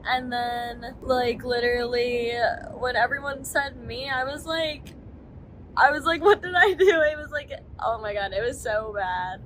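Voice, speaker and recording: Slow laid-back woman contestant. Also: a little high, fairly even intonation, a bit bright, a little hiss or hum, poor audio. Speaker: game show contestant. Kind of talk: casual confessional chat.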